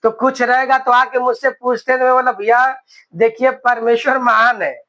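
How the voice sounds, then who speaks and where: A young male preacher in his twenties with a very high, bright and forceful voice. He delivers a sermon, calls out hallelujah again and again, and drags out key words for emphasis. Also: steady tone, poor audio. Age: 20s. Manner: exclaims hallelujah often, slows for emphasis.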